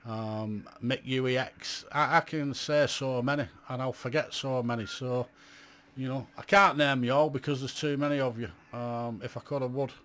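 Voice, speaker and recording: His voice has a medium pitch, fairly even intonation, a normal speed and a slight brightness. A self-described grumpy radio ham in his late fifties, he gives a reflective, casual monologue to camera about his hobby, blunt and chatty with lots of "you know" asides.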